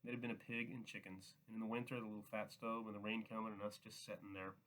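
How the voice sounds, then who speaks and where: A frightened old ranch hand, read by a man in a low, level voice, pleading and asking the same questions over and over. The delivery stays close to plain storybook reading. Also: flat delivery, fast talker, fairly bright tone, slight background noise, lightly acted, rough recording.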